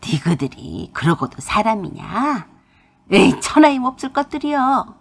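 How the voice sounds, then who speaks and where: Woman doing old mother, angry, harsh slow scolding, husky voice, radio-story reading. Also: on the low side, sing-song, voice pushed down, heavily acted. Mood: furious scolding. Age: older. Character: bitter scolding old mother, widowed and lonely.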